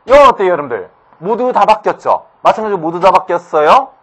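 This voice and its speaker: High-voiced man lecturing briskly. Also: big pitch swings, fairly bright tone, husky. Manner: brisk, asks students rhetorical questions. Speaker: teacher. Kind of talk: online grammar lecture.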